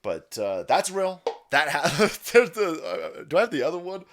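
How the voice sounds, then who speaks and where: A man hosting a livestream, giving profane, sarcastic commentary over clips. He swings between shouts and low mumbles. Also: sing-song, normal speed, slight background noise. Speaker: livestream host.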